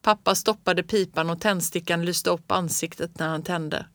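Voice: medium pitch, fairly even intonation, a bit bright, no room sound. A reader narrating a children's book in the first person, read close to a studio mic. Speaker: audiobook reader.

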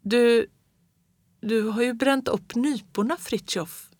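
A storyteller voicing a young boy in a storybook, speaking in a hushed, hesitant way. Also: mid-range voice, no echo, pitched above the performer's own voice, close to an everyday voice. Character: young boy, nervous and curious. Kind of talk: storybook read-aloud.

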